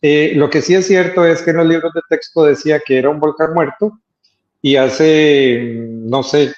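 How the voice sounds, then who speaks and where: A man with a Costa Rican accent, speaking as an interview guest about his life as an artist, thoughtful and hesitant with many filler pauses. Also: fairly high pitch, steady tone, darkish tone. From Costa Rica. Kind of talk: interview conversation. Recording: roomy, slightly dull sound.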